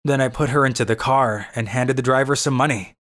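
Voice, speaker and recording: A man narrates a dubbed manga story in first person, playing a weary, cynical young office worker who grumbles in a dry, exasperated tone. His mid-range voice is brisk and fairly bright, lightly acted.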